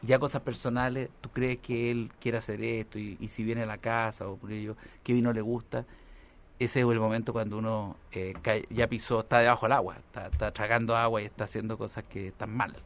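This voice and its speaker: A man's voice: lowish voice, level tone, fairly quick. A middle-aged man with a Chilean accent, joking and riffing through comic banter. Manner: joking, laughs often, riffs on scenes.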